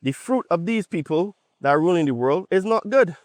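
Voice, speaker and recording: This Barbadian podcast host's voice is high and expressive, moving at normal speed on a dry recording. In his Bajan accent he offers a conversational, emphatic, opinionated monologue, regularly seeking agreement through tag questions.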